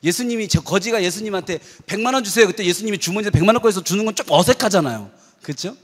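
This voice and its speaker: A male pastor preaching a sermon, lively, acting out loud cries and quoted prayers to the congregation. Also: high voice, rapid-fire. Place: church sanctuary. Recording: long hall reverb of a church.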